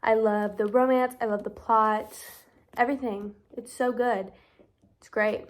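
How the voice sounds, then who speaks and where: A woman's voice: a little high, steady tone, measured pace, poor audio. A young woman in her twenties giving chatty, gushing reading updates in a casual vlog. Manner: gushing, chatty, lots of fillers. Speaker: book vlogger.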